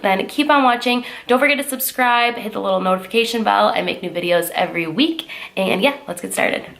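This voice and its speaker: With a mid-range voice, some vocal fry and a fairly bright tone, a beauty vlogger in her twenties chats through a casual makeup tutorial. She's upbeat and uses plenty of fillers, and a lingering cold leaves her sounding nasal.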